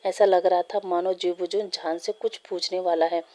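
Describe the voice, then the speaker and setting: A woman reading a fan story aloud, in a steady, plain way with small slips. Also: lowish voice, moderate pace.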